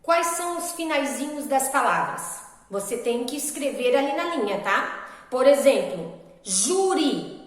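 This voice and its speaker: A woman's voice: sits high, animated, a little slow. A woman teacher giving a recorded video lesson, explaining step by step and asking her pupils questions. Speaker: primary school teacher. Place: school classroom. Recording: echoey classroom with long reverb.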